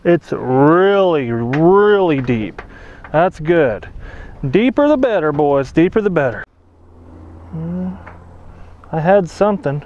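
Excitable young man vlogging on a lake dock. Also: a little high, slow, long pauses, dull audio, slight background noise. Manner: excitable, chatty, keeps addressing viewers as boys. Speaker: magnet fishing vlogger. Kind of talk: excited outdoor vlog commentary. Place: outdoors on a lake dock and shore. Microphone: action camera worn on the body.

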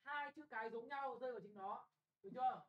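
Young man, classroom exam tutor; brisk, blunt, keeps checking if students follow. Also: very high-pitched, dull audio. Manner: brisk and bossy, often checking "got it?". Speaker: English tutor.

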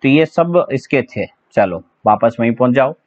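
A man's voice: mid-range voice, animated, normal speed, a little mellow. Guy teaching exam vocab, jokey and chatty, spells stuff out, kinda lo-fi sound. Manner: chatty, joking, spells words out letter by letter. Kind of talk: exam-prep English vocabulary lesson. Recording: slightly dull lo-fi audio.

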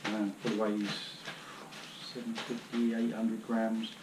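Kneeling in his living room, a British man in his thirties chats his way through his hiking gear, wandering off-topic and filling gaps with ums and uhs. He's an outdoor gear vlogger caught by a camera a few metres off, in a room with roomy echo and clear background noise. His voice is lowish and monotone.

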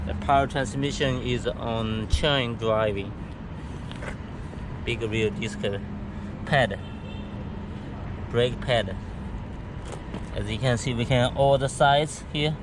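A man giving a product walkthrough of a go kart outdoors, speaking halting English with many fillers and restarts. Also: mid-range voice. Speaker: factory sales rep showing a go kart. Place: outdoors beside go karts on pavement. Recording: outdoor camera audio with background noise.

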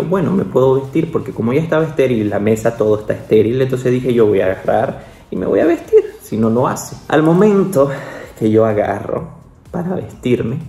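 A young adult man, a doctor, telling a personal story in a casual vlog, chatty, with many little asides. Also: dark tone. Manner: chatty, peppers speech with "¿no?" and "o sea"; acts out quoted voices, with the pitch jumping up. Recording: roomy echo.

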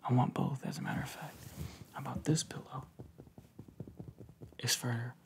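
A young man playing a devoted, clingy lover in a whispered role-play, giving soft, intimate, affectionate pillow talk up close. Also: fairly even intonation, moderate pace, natural voice. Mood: longing, sensual. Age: young adult. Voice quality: soft, breathy whispering mixed with low murmur. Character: devoted, clingy, tender male lover at bedside. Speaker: ASMR creator. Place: living room couch, indoors.

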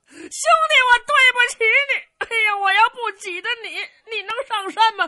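A woman voicing a brash, shameless male warlord who wails high and loud in mock grief. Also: exaggerated voice.

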